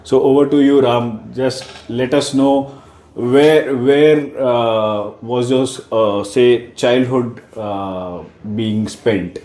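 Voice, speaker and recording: A man with an Indian English accent hosting a conversational interview in a halting way, often repeating phrases. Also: mid-range voice, fairly even intonation, dark tone. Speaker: podcast host. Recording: roomy, echoing voice.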